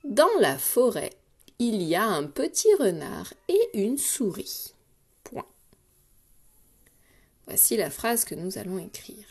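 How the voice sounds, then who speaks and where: A woman teacher leading a daily dictation lesson for young children, patient and clear, repeating each syllable and word slowly. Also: medium pitch, big pitch swings, a little mellow. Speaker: primary school teacher.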